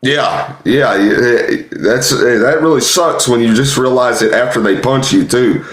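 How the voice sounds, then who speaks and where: A man's voice: medium pitch, a little slow. A man chatting casually as a podcast co-host, conversational and reassuring in how he talks. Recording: roomy, echoey sound.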